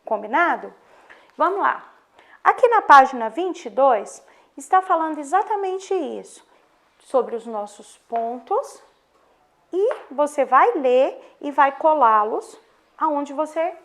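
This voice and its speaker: A woman with a Brazilian accent, a primary school teacher giving a recorded lesson to young children, speaking slowly and stressing her intonation clearly. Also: sits high, lively intonation. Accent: Brazilian Portuguese.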